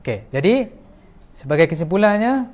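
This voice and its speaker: Lively high-voiced Malaysian male lecturer. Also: normal speed. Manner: explains step by step and asks the audience questions. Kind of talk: classroom lecture.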